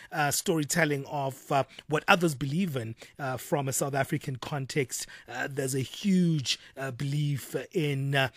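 A man's voice: a little high, dry recording. Radio presenter, male, easygoing and hesitant, dry close sound. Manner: relaxed, hesitant with frequent fillers. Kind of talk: casual on-air chat.

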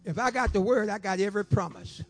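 In a fervent preaching testimony, a man in his seventies repeats phrases rhythmically and breaks into shouts and half-sung lines. His voice is high-pitched and he talks fast, with faint music in the background.

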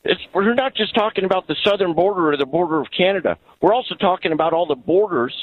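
Over a telephone line with slight hiss or hum, a man with a high, animated voice calls into a political radio show. He talks fast, pressing his opinion earnestly and insistently through the band-limited, phone-quality sound.

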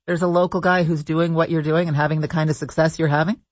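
A man's voice: fairly high pitch, little pitch movement, quick pace, no echo, dull audio. A male radio host asking friendly, chatty interview questions.

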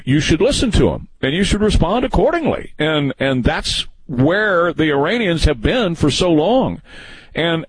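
A man's voice: fairly high pitch, husky, dry recording, poor audio. A man in his early sixties hosting a call-in radio talk show, folksy and rambling with frequent restarts. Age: 60s. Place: radio studio.

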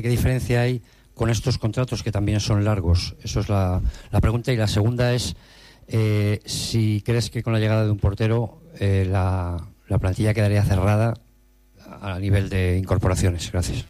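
A man's voice: on the low side, steady tone, normal speed, dark tone, no echo. A man, a journalist, politely putting methodical questions at a press conference.

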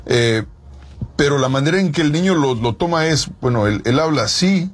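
A man's voice: a little high, expressive, normal speed. A man co-hosting a talk show from Mexico, chatting casually and explaining with examples. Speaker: co-host.

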